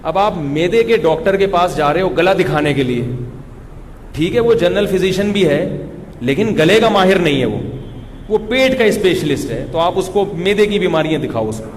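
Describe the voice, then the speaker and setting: A man's voice: sits high, animated, long reverb tail, slight background noise. A man giving a religious lecture in a conversational, joking storytelling way. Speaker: Islamic scholar giving a talk.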